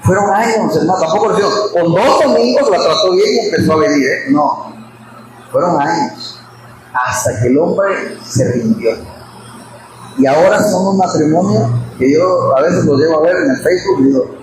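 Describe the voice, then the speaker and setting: Male pastor, high voice, lively preaching style, quizzes the congregation, recorded in a very echoey hall with background noise. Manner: animated, questions the congregation and laughs often. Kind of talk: expository sermon at a Bible study.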